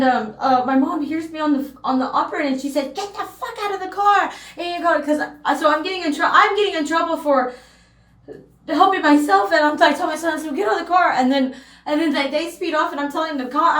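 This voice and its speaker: A woman's voice: sits high, fairly bright tone, reverberant. A woman vlogger telling a personal story to the camera in a rambling, emotional way.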